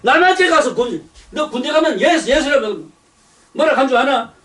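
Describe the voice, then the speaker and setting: An older man preaches, his voice pitched high for a man. He rants bluntly, cursing and circling back over the same words. He sounds set back from the microphone. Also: expressive, moderate pace, bright, forceful tone, recorded from a distance. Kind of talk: sermon.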